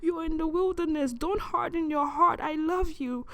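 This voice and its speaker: A woman voicing a soft, caring divine voice that pleads over and over in a pained tone. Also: high voice, normal speed, pitched above the performer's own voice, close to an everyday voice. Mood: tender, pleading. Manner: pleading, repetitive.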